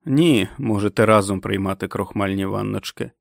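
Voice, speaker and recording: A man as a calm reassuring doctor. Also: fairly low pitch, creaky, dry recording, clean studio sound. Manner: measured, reassuring. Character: calm kindly male country doctor.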